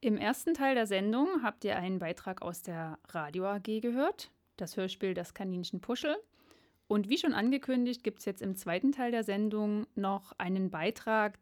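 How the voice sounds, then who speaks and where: A woman with a medium-pitched, slightly mellow voice hosts a radio programme. She introduces segments and puts questions to her guest in a moderated interview.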